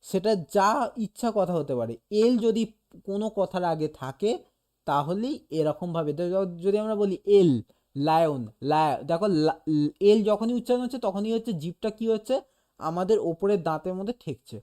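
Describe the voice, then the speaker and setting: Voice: medium pitch, normal speed, dark tone. A teacher giving a casual one-on-one lesson, explaining patiently, saying sounds aloud to demonstrate and often checking in with "okay?". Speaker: animation teacher.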